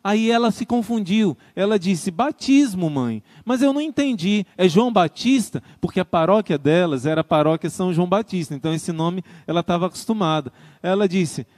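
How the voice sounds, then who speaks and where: A man's voice: high voice, expressive, a little fast, hardly any pauses, darkish tone, dry recording, clean studio sound. A man, a religious brother, preaching in a tender storytelling manner and acting out a mother and her little daughter in dialogue. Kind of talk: storytelling sermon from a livestream.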